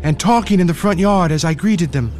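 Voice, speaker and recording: A man's voice: sits high, fairly quick, darkish tone, faint music behind. A man from Ethiopia narrating his own story in an earnest first-person radio drama. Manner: earnest, pleading when frightened. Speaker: narrator and lead character.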